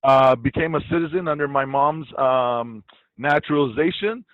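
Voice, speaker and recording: A man's voice: medium pitch, normal speed, no echo. A man from Iraq, an interview guest, talking bluntly and swearing freely. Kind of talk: casual interview talk. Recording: dull lo-fi dry sound.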